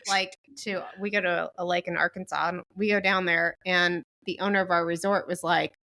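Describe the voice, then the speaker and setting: A woman's voice: on the low side, steady tone, moderate pace, gravelly, sharp tone. A woman co-hosting a podcast with a Midwestern American accent, conversational, slipping into voices when quoting people. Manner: conversational, mimics others' voices. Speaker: podcast co-host. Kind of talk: casual chat.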